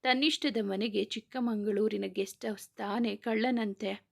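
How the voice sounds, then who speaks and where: A woman reading a serialized romance novel aloud in a soft, steady voice. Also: mid-range voice, unhurried, gravelly. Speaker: storyteller.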